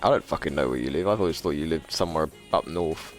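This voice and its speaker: A low-voiced man in his twenties livestreams, chatting casually and with plenty of profanity, rambling and laughing often. He talks at a quick pace with faint music in the background.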